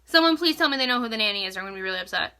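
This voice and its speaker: A young makeup vlogger chats casually at home while walking through a tutorial, her voice on the high side, animated, sharp and rapid-fire. She jokes around and leans heavily on the filler "like."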